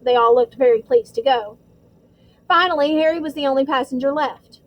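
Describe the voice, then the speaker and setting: High-voiced woman reading an audiobook. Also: moderate pace, highs cut off, a little hiss or hum. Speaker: audiobook reader. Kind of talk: audiobook narration.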